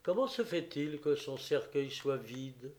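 A man's voice: on the high side, lively intonation, unhurried, echoey room. A man voicing a harsh, menacing female adventuress in an audiobook reading. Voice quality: harsh, threatening.

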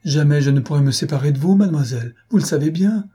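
Man doing a tearful older governess in a storybook reading, trembling, imploring, higher voice. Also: animated, fast, mellow, breathy edge.

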